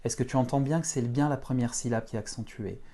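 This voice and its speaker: A man teaching beginners to write letters, talking them slowly through each stroke. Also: mid-range voice, dark tone. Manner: slow, step-by-step instruction. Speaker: Russian teacher. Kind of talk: handwriting lesson for beginners.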